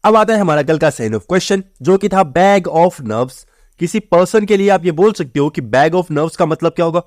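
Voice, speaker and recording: A man runs an online vocabulary class in a friendly, chatty way, checking in again and again with "theek hai". His voice sits a little high for a man. The sound is close and dry, with no room around it. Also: animated, measured pace, darkish tone, no room sound. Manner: chatty, repeats "theek hai" and "bahut easy hai". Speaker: vocabulary teacher. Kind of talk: online exam-prep vocabulary lesson.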